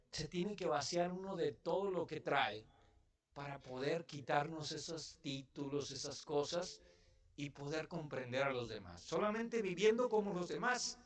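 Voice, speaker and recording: Mexican pastor preaching to his church. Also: fairly high pitch. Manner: conversational preaching, asks the congregation questions. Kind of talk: sermon.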